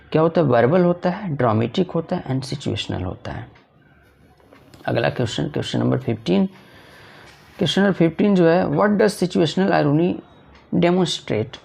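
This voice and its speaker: A man teaching an exam-prep lesson. He reads the English lines slowly, then explains them, often asking a question and answering it himself. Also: mid-range voice, vocal fry, darkish tone. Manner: repetitive, asks and answers his own questions.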